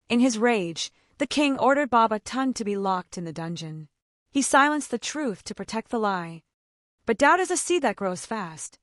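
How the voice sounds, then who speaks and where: A woman storyteller with a medium-pitched voice narrates a scripted folktale, building suspense theatrically through short, measured phrases.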